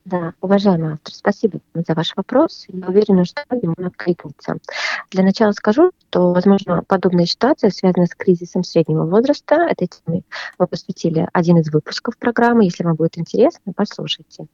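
A woman psychotherapist giving calm, measured advice on a radio program. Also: lowish voice, dry recording, dull audio.

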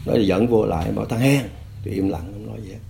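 A man's voice: lowish voice, steady tone, racing, vocal fry, dark tone, slight background noise. An older man from Vietnam earnestly recounting his own past, often quoting himself and others. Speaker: storyteller recalling his past. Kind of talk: personal testimony.

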